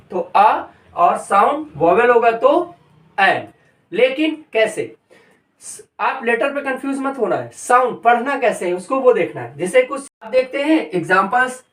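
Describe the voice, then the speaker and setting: A man's voice: sits high, a bit bright. Middle-aged man as online English teacher, patient and repetitive, recorded far off in a roomy space. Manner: explains step by step, repeats examples slowly. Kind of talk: online grammar lesson. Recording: echoey room, far from the mic.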